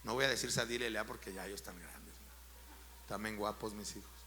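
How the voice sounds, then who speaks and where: Speaking a little fast in a lowish voice, a middle-aged Mexican man with a Mexican Spanish accent preaches as pastor. He peppers the congregation with rhetorical questions, makes sure they're following, and builds to loud, forceful emphasis, with a little hiss or hum in the audio.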